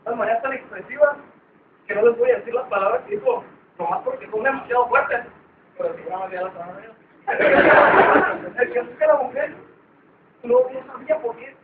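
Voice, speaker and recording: A man casually retells a folk tale, chatty and informal, peppered with fillers. His voice sits unusually high for a man. The sound is tinny and phone-like, recorded from a distance in an echoey space. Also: animated, normal speed, noisy background. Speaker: storyteller.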